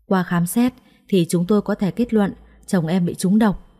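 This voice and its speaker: A woman's voice: medium pitch, mellow, close to an everyday voice. A woman playing a serious male doctor. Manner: measured, explaining. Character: serious hospital doctor, male, middle-aged.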